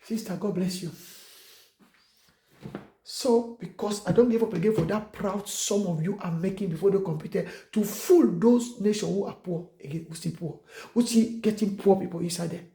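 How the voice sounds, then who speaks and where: A man preaching an exhortation sermon, emphatic and repetitive, with sudden high outbursts. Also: a little slow, mellow, roomy sound.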